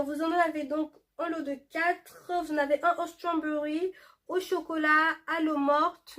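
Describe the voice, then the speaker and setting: A beauty vlogger with a high, fairly bright voice shows off a shopping haul in a casual video, reading product labels aloud in a loose, chatty style and often pausing on fillers. She occasionally drifts slightly away from the camera mic, and there's a little hiss or hum.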